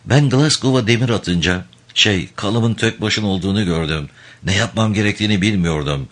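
A man's voice: lowish voice, fairly quick, a bit bright. A man doing an uneasy ship captain. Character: nervous ship captain Perry.

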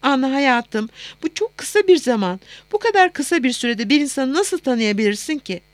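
Woman doing a gentle, soothing mother, raised and fairly high voice, dry close sound. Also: lively intonation, moderate pace, no room sound. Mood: fond worry. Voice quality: soft, soothing. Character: warm doting middle-aged mother on the phone. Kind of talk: audiobook character voice.

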